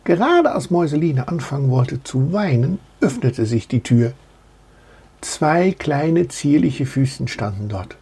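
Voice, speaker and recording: A man reading a children's story aloud in an expressive, animated way. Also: a little high, measured pace, breathy edge.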